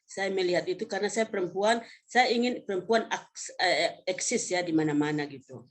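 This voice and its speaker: A woman in her fifties from North Sumatra, Indonesia, is a vocational education professor giving a webinar, casually talking through slides. She's conversational and halting, correcting herself as she goes, with a fairly low pitch.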